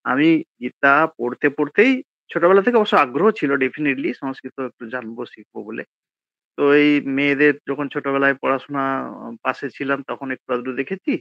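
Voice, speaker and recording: An older man gives an informal online lesson on Sanskrit pronunciation. He hesitates with many fillers, slows down to demonstrate sounds and often trails off softly. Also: mid-range voice, vocal fry, dry recording, lo-fi sound. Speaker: Gita and Sanskrit teacher.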